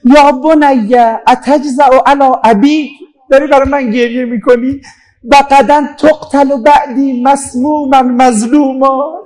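A man preaches a mourning sermon in a very high voice, his words breaking with weeping. He slows into chanted passages between plain storytelling. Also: steady tone, a little mellow, low-quality recording.

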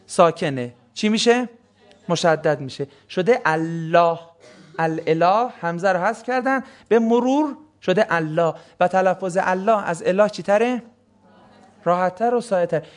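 High-voiced man giving a lively lecture. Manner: asks the class questions and answers them himself. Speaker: religious studies teacher. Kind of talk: classroom lecture on Quranic words.

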